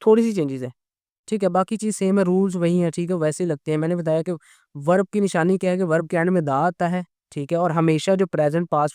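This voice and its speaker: Man, grammar teacher, high voice, dry close sound. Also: darkish tone, clean tone, no room sound. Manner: patient, repeats "okay?" often. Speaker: language teacher. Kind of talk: explaining grammar lesson.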